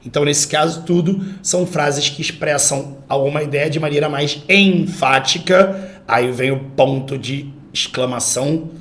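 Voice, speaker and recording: A man with a Brazilian accent teaching an online grammar class, lively and emphatic, acting out example sentences. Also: fairly high pitch, a little slow. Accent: Brazilian Portuguese. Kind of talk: online exam-prep grammar lesson.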